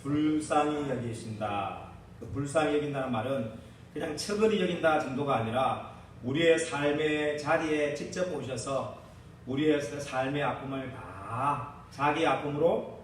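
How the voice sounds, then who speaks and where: A male pastor preaching a sermon and leading a responsive reading, asking his congregation questions and answering them himself. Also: a little high. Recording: echoey, distant mic, faint noise.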